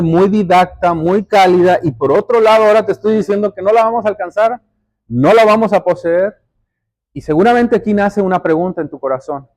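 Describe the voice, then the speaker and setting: A man with a high, slightly mellow voice preaches a sermon, speaking directly to the congregation and explaining things step by step. He is emphatic, repeating phrases for stress and posing rhetorical questions.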